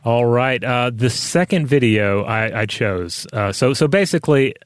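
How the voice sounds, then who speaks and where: A man co-hosting a podcast, explaining casually in halting, hesitant phrases. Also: medium pitch, expressive, no echo, studio quality. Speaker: podcast co-host.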